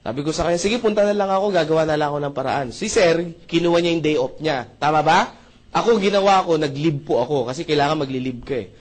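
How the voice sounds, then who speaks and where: Brief: young Filipino male speaker, high voice, lively acted-out anecdotes, keeps checking in with the crowd. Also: fast talker. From Philippines. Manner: animated, acts out dialogue with frequent asides to the audience. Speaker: motivational speaker. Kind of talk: storytelling business talk to an audience.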